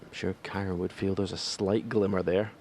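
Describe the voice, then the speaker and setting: A man's voice: sits low, level tone, moderate pace, darkish tone. A man giving matter-of-fact analytical snooker commentary in short, sparse phrases. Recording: faint background noise.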